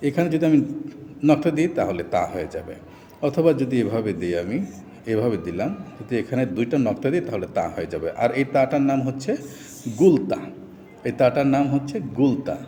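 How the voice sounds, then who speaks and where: A man teaches Quran reading with a Bangladeshi Bengali accent, naming each letter and its vowel mark before joining them into a word. His voice sits at an ordinary pitch for a man. The recording has a long, roomy reverb and a faint background hum. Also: sing-song, warm tone. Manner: spells out letters and vowel marks slowly, then blends them. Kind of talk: step-by-step recitation lesson.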